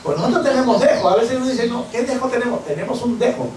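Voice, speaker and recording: A man's voice: very high voice, lively intonation, fast talker, a little mellow, slight background noise. A Peruvian man, a pastor, preaching a fervent sermon and acting out the voices of the people he quotes. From Peru. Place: church hall. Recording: echoey church from far off.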